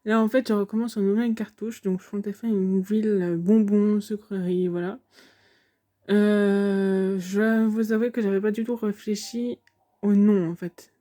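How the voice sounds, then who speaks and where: Young woman, casual game commentary, hesitant, lots of fillers, thinking aloud, mid pitch. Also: fairly even intonation, moderate pace, mellow. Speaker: video game streamer.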